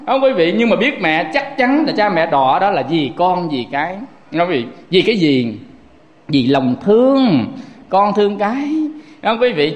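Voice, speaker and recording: A man preaches a Buddhist sermon. He tells lively stories and keeps addressing his listeners. His voice rings through an echoey hall with a long reverb tail. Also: high-pitched. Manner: lively storytelling, often addressing the audience.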